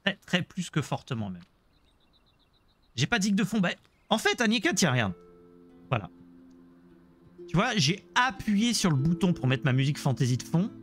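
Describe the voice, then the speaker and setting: A man's voice: sits high, sing-song, moderate pace, pauses often, fairly bright tone, soft background music. A man streaming a Let's Play, chatting casually about the game and joking with his viewers. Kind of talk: casual gameplay commentary.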